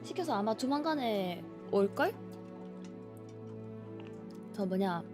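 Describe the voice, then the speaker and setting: A woman live streamer chatting casually before a game, with a cutesy, playful, expressive anime-streamer manner. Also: mid-range voice, slow pace, over music. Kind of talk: casual livestream chat before playing a game.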